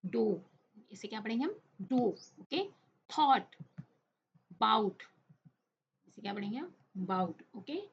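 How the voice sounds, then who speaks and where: A woman teaching an English lesson in Hindi, mixing in English words, reading the English text slowly and checking in with "okay?" after nearly every line. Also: medium pitch, sing-song, darkish tone. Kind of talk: classroom lesson explanation. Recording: dull lo-fi recording with faint noise.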